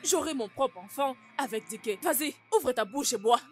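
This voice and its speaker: A woman's voice: high-pitched, expressive, normal speed, soft background music. A woman voicing a jealous, scheming wife in a French film dub, speaking in a harsh, commanding way. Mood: cold. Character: jealous, scheming adult wife, cruel and threatening.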